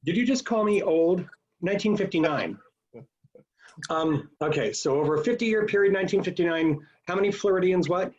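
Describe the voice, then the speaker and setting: Brief: chatty contestant on a video call, animated pitch, jokey. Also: brisk, dull audio. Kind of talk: casual game chat over a video call.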